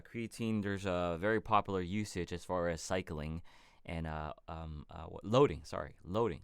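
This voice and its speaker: Low-voiced man answering livestream questions. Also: clean tone, no room sound, studio quality. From California. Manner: relaxed, rambling answers to viewer questions. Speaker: fitness channel host. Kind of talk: casual livestream Q&A.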